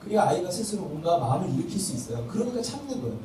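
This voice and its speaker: A man teaching a church parenting workshop, talking fast and quizzing the room as he goes. His voice is mellow and a little high, with a lively, swinging pitch. He sounds distant from the mic, in a very echoey hall with a faint hiss behind him. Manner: quizzes the audience and acts out parent-child dialogues. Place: church welfare hall classroom.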